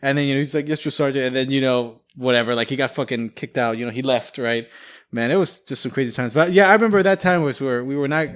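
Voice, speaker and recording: A man's voice: medium pitch, quick pace, smooth. A young man telling casual stories about his military training, rambling with lots of fillers and laughing often. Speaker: podcast guest, military veteran. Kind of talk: casual storytelling chat.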